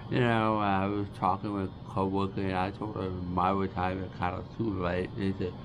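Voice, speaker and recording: A deaf man in his forties vlogging to camera in slow, halting speech, restarting phrases as he talks. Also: deep voice, little pitch movement, noisy background. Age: 40s. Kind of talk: casual vlog talk to camera. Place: small dim room with a starry backdrop. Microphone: camera close in front of face.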